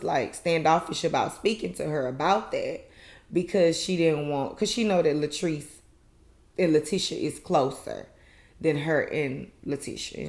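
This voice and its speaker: A woman's voice: sits low, darkish tone. A woman host giving a casual, chatty recap review of a reality show in a colloquial, filler-heavy way. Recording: echoey room.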